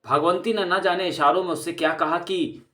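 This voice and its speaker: A man narrating an audio comic story in a steady, expressive storytelling manner. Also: high-pitched, moderate pace.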